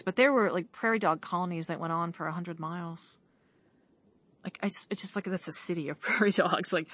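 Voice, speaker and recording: A woman's voice: fairly low pitch, fairly bright tone. A woman talking in an enthusiastic, rambling way, full of "like", in a casual outdoor conversation in the woods. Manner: enthusiastic, rambling, heavy use of "like". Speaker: guest on a podcast. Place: outdoors in woodland.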